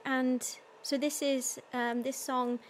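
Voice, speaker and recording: A woman in a casual live-stream chat between songs, talking in a slightly high voice with plenty of ums as she reads out comments from viewers. Her easy, unscripted delivery sounds relaxed and conversational. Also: slow pace, slight background noise. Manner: chatty, with many ums, reading out viewer comments. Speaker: concert host and singer.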